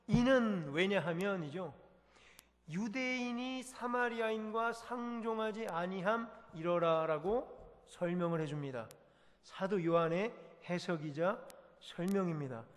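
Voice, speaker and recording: A male pastor preaching a sermon in a lively way, asking the congregation questions as he goes. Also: high voice. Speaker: senior pastor. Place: church sanctuary. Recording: church hall with long reverb.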